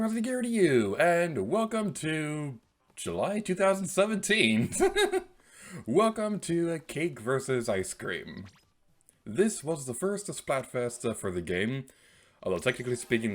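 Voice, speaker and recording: A man hosts a Let's Play in a casual, playful way. His voice is very animated, swinging widely in pitch as he comments on the game. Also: moderate pace.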